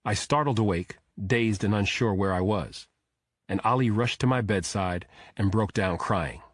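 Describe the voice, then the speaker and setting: A man narrating a thriller audiobook in a steady, measured storytelling manner. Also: fairly low pitch, no echo, studio quality.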